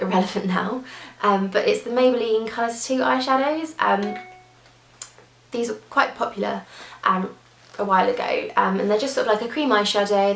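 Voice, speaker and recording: This beauty vlogger, a young woman, speaks at medium pitch with vocal fry, recorded in a room with noticeable echo. Her review of a beauty product is chatty and effusive, peppered with fillers and false starts.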